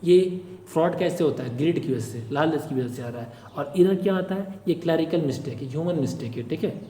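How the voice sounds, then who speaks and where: A man's voice: fairly high pitch, a little fast, mellow. A man tutoring for a government exam, explaining step by step with frequent checks and everyday examples. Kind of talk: informal screen-share lecture. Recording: echoey room with long reverb.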